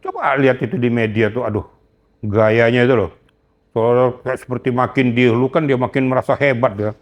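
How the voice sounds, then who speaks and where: A man's voice: mid-range voice, fairly even intonation, a little fast, muffled recording. Older male interview guest, indignant and emphatic, lecturing tone. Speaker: retired police general, guest. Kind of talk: heated interview talk.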